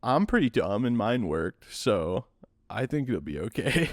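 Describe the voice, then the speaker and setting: A man hosting a podcast, explaining things in a relaxed, rambling way with dry, self-mocking humor. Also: mid-range voice, unhurried, no echo. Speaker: podcast host. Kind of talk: casual podcast chat.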